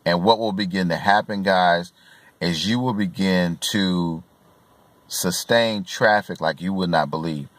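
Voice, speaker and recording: A man in his forties with a very low voice gives earnest, coaching advice, stumbling through fillers and restarts. He talks into a phone held at arm's length inside a car. The sound is close and dry, with no room echo. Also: unhurried. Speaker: real estate investor giving tips. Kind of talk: casual advice vlog. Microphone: phone camera at arm's length, filmed from below.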